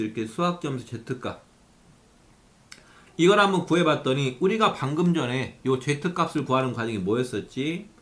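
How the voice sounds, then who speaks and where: A male math teacher lecturing at a board with a very lively, swooping delivery. He asks questions and answers them himself, and now and then speaks in his students' voices. His pitch sits in a middle range.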